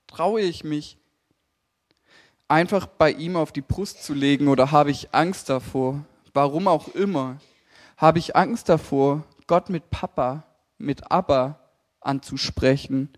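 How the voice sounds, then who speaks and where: Lively young male preacher. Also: on the high side, unhurried. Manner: lively, emphatic, talks to congregation directly. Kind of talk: sermon.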